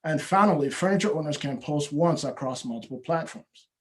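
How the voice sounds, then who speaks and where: Startup founder on a video call, man with a fairly high voice, delivering a steady scripted pitch. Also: fairly quick, a little hiss or hum. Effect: heard over a video call. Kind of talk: rehearsed pitch presentation.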